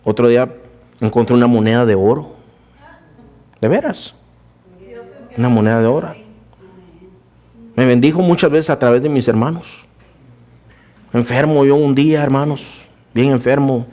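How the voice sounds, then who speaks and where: A pastor preaches a sermon and shares his own testimony, addressing listeners as "brothers" and shifting between raised preaching and hushed storytelling. His voice is mid-range, and the recording sounds muffled.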